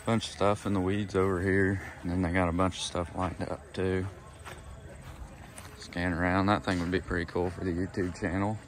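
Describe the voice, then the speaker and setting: A man's voice: low voice, level tone, moderate pace, slight background noise. A young man giving offhand, laid-back commentary as he walks an outdoor farm auction, filming on a phone. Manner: laid-back, offhand remarks while walking. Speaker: vlogger touring an auction. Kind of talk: casual walk-around commentary. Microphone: phone camera held while walking.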